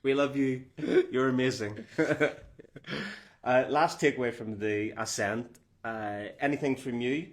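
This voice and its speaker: Male co-host, lively storyteller, jokey banter, mid-range voice. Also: medium pitch, measured pace. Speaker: podcast co-host. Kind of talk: casual banter.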